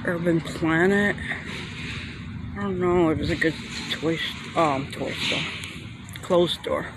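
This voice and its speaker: A man's voice: a little high, slow pace. Man rambling on a plaza walk. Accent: New York. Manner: rambling, thinking aloud while walking. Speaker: vlogger. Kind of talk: casual walking tour commentary. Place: outdoor shopping plaza sidewalk. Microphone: handheld phone camera. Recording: outdoor street noise on phone.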